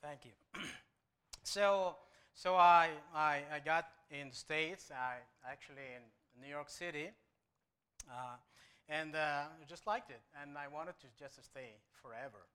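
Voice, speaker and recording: A man with a Moroccan accent, English not his first language, tells his conversion story from a church pulpit. His voice is bright, smooth and fairly high. He stumbles over repeated words and breaks in with small jokes. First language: Arabic. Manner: halting, with frequent repeated starts and light humor. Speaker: guest preacher. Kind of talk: church testimony.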